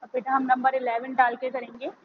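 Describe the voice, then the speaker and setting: A woman's voice: high-pitched, monotone. A woman teacher with an Indian accent, giving a vocabulary lesson to children, spelling each word letter by letter before explaining it. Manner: spells words letter by letter, then explains slowly. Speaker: school teacher. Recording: muffled lo-fi recording with faint background hiss.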